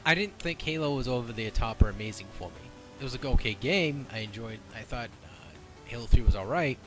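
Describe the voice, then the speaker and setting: A man hosting a relaxed podcast, talking in a blunt, opinionated way and cursing without a second thought. His voice sits at an ordinary middle pitch, and music plays clearly in the background. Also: a little fast, poor audio. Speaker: podcast host. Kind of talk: casual podcast chat.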